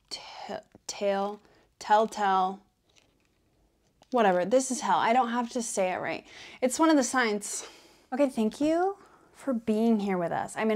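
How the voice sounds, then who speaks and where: A woman playing a quirky female devil in an ASMR role-play, talking in a playful, deadpan ramble with frequent self-interruptions. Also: medium pitch, close to an everyday voice. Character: quirky female devil welcoming a newcomer to hell.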